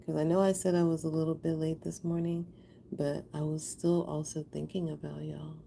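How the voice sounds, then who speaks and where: A Houston, Texas woman making art live chats casually with her viewers, speaking to them directly with warmth, affection, and appreciation. She has a low, dark, creaky voice at a level tone and moderate pace, with a little hiss or hum in the background.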